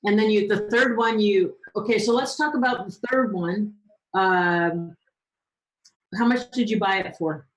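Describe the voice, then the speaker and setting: A woman's voice: mid-range voice, rough recording. Upbeat woman hosting a live Q&A. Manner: upbeat, encouraging, quick follow-up questions. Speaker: host. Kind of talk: live Q&A coaching.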